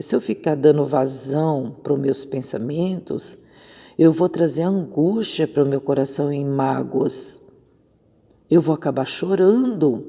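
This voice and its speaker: A woman's voice: deep voice, gravelly, mellow, husky, long reverb tail. A woman missionary preaching an informal devotional on a Bible verse, conversational and often checking in with her listeners. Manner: conversational, keeps asking "né?".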